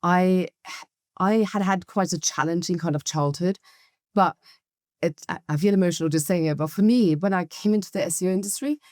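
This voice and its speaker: Lively woman from Norway, low voice. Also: a little fast, no room sound, clean studio sound. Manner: lively storytelling with restarts and quoted asides. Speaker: guest, agency founder. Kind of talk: conversational interview.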